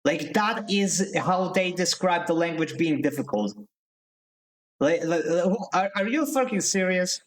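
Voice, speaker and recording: High-voiced and animated but unhurried, this young streamer from Slovakia delivers casual live commentary. His rant is heated, full of profanity, with sentences often started over.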